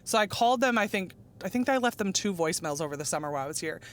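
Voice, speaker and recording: A woman's voice: fairly low pitch, lively intonation, racing. A woman in her forties from Arizona, chatting as an interview guest about her dance ministry, upbeat and often laughing. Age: 40s. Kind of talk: casual chat.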